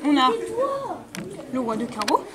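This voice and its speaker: A magician at a kids' party talks volunteers through his card tricks with instructions and questions, his voice sitting high and moving a little slowly. The live show is captured in a large, echoing indoor hall amid a loud crowd.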